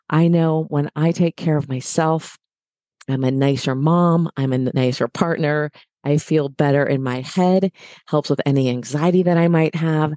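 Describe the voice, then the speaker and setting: Middle-aged woman from the US, fitness guest; low mellow voice, dry close sound, upbeat coaching tone. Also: no room sound. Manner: encouraging, direct to listeners. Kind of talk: motivational podcast talk.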